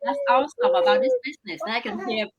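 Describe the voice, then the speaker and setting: A woman's voice: high-pitched, huge pitch swings, fast, lo-fi sound. Vietnamese-accented woman hosting a livestream. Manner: hesitant, many fillers, broken English. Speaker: livestream host. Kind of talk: casual livestream chat.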